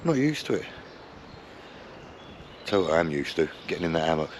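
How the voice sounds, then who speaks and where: A hungover, groggy middle-aged man with a deep voice films a casual camping vlog to camera at a woodland camp. He's very animated and a little fast, chatty, jokey and self-mocking, with a little hiss or hum on the recording.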